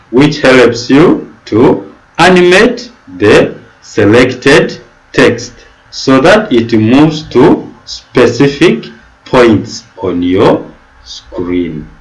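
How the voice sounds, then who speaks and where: A man teaching a software tutorial in a video conference workshop, explaining slowly and deliberately and stressing key words. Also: mid-range voice, low-quality recording. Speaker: instructor. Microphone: computer mic on a video call.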